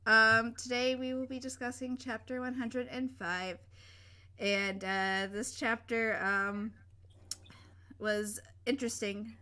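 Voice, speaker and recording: A woman's voice: a little high, fairly even intonation, slow, pushed and bright, clear, resonant tone. A young woman with a sore throat, hosting a casual podcast chat in a rambling way full of fillers. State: sore throat, feeling sick. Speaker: podcast host.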